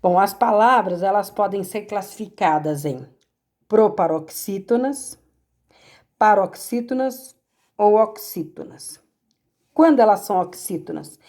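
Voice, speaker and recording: A woman's voice: mid-range voice, darkish tone. A Brazilian woman teacher patiently going over homework corrections, explaining step by step and checking in with her pupils. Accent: Brazilian Portuguese.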